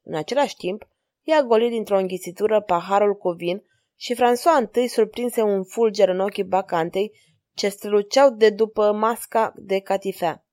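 A woman narrating an audiobook with expressive storytelling at a middle pitch. Her voice sounds close and dry, with no room echo behind it.

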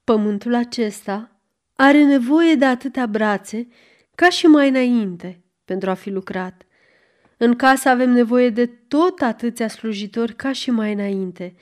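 A woman's voice: fairly high pitch, a little mellow, lightly acted. A woman narrator voicing a kind, earnest young man in a storybook reading, close to her own voice.

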